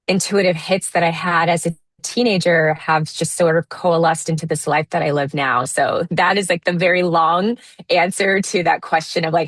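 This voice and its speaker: A reflective interview guest, this woman in her thirties talks casually in a low voice, her sentences often broken off and restarted with fillers. The sound is close and dry.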